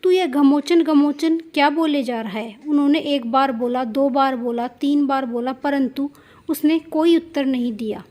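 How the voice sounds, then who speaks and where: A woman narrating a devotional folk story in a steady, plain storytelling manner, addressing her listeners directly at the end. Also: high-pitched.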